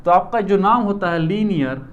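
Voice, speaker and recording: High-voiced male math teacher. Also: animated, moderate pace, muffled recording. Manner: chatty, repeats questions to students, calls them brother. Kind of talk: casual classroom lecture.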